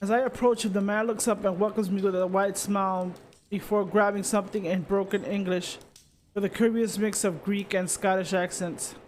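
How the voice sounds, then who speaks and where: A man streaming and reading a story game aloud in first person, steady with occasional slips and restarts. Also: high voice, normal speed, a little hiss or hum.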